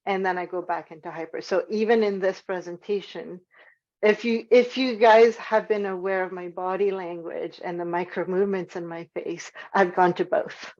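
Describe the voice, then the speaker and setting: A woman's voice: lowish voice, fairly even intonation, moderate pace, darkish tone, dull audio. A woman presenting an online workshop in a casual, informal way, using lots of "like" as a filler, nervous about speaking in public.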